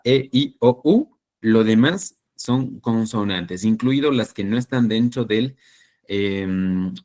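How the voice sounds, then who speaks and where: A man with an Ecuadorian accent teaching a literature class, explaining step by step, often checking with his students and correcting himself. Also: on the low side. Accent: Ecuadorian Spanish. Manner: explanatory, with frequent checking questions and self-corrections. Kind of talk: classroom lecture.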